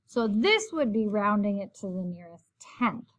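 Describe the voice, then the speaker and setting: A woman's voice: medium pitch, sing-song, moderate pace. A woman teacher walking through a recorded math lesson, explaining each step in a friendly, patient way.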